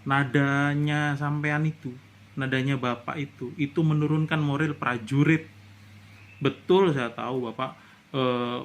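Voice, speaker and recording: A man's voice: medium pitch, fairly bright tone, a little hiss or hum. A middle-aged man from Indonesia giving a casual commentary monologue, indignant and lecturing, his voice rising into outbursts. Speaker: vlogger.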